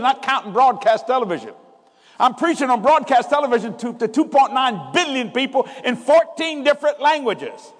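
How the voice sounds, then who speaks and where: Man, very high voice, sermon, call-and-response emphasis, long reverb. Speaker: preacher.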